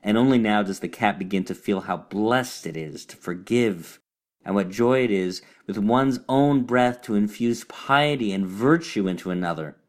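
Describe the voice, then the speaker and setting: A man reading a short fable aloud in a measured, deliberate storytelling manner. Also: fairly low pitch. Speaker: reader. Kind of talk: storybook narration.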